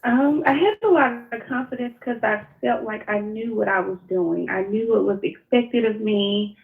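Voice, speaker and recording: Over a tinny, narrow-band phone line, a woman from Mississippi talks as a coaching client in a personal, unscripted call, groping for words as she speaks hesitantly. Her mid-range voice is gravelly and her pace moderate.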